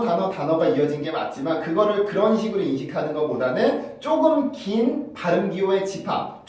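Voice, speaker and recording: A man teaches pronunciation in a lively, fairly high voice, repeating sample words again and again and often checking that his listeners follow. The sound is very roomy and a little distant from the microphone. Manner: explains patiently, often asks "right?" and demonstrates sounds by repeating words. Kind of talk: pronunciation lesson. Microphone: camera-mounted microphone.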